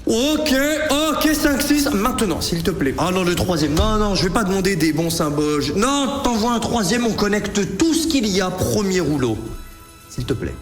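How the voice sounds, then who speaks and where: A man giving excited livestream commentary as he plays slots. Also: sits high, normal speed. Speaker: gambling streamer. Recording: roomy echo, faint music behind.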